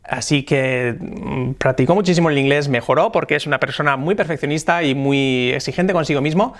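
A man with a Spain Spanish accent, teaching English pronunciation in a video lesson and slowly demonstrating English phrases. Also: mid-range voice, fairly bright tone.

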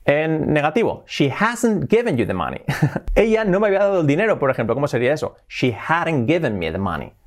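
A man's voice: fairly high pitch, big pitch swings, a little fast. A man teaching an English lesson, asking questions to his learners and answering them himself, with short laughs between examples. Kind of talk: language lesson.

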